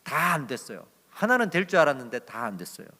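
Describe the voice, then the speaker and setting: A pastor acting out a grumbling male churchgoer who whines in a raised, lively voice as he complains. The sound rings with a long reverb, like a big church hall. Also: fairly high pitch, fast talker, exaggerated voice. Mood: aggrieved. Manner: whiny, indignant complaining.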